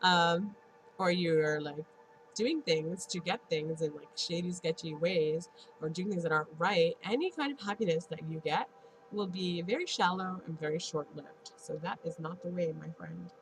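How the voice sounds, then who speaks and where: A woman's voice: fairly low pitch, normal speed. Woman, 30s, stuffy nose, casual vlog pep talk, earnest, encouraging, noisy background hiss. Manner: earnest and encouraging, laughing often. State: congested. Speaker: vlogger and Reiki practitioner.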